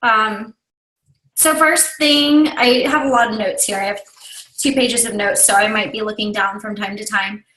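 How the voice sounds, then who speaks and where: This time the woman, a team leader in her thirties, speaks at a normal speed in a steady, mid-range voice. Confiding and tearful on a casual video call, she sniffles at times yet stays warm and open with small laughs, though the echoey room makes the audio poor.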